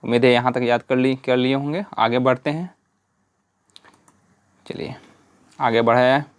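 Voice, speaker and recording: A male teacher speaks at a middle pitch, and his voice is close and dry. He is patient and goes through the points one by one, repeating checks like "right?" and "okay?" after each point. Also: steady tone, moderate pace, smooth, no echo. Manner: patient, repeats "है ना" and "ठीक है" often; spells out letters and drills lists step by step. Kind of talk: whiteboard lesson.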